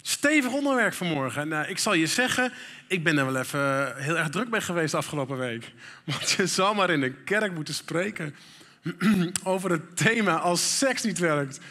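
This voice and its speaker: A man's voice: a little high, lively intonation, normal speed, pushed and bright. A middle-aged man preaching a sermon in a church, candid and conversational, with frequent fillers. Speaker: pastor. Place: church hall. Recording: reverberant church hall.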